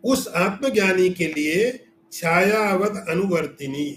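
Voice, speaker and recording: A spiritual teacher gives a scriptural lecture in a high-pitched, fairly bright voice at a slow pace. He explains with everyday examples and poses rhetorical questions. The audio is reverberant with slight background noise.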